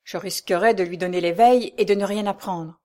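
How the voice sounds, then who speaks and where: A woman reading aloud, voicing a melancholy, jealous nobleman in her own middle-pitched voice, slow and sad. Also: darkish tone, close to an everyday voice. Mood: grave.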